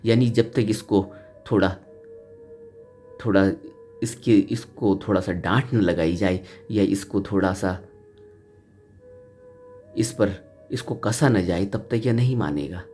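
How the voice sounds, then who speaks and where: A man's voice: slow, long pauses. A man giving an earnest spiritual discourse, retelling a teaching story and repeating phrases for emphasis. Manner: earnest, repeats phrases for emphasis, rises in pitch for key points. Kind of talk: Hindi dharma discourse retelling a Buddhist story. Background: soft flute music.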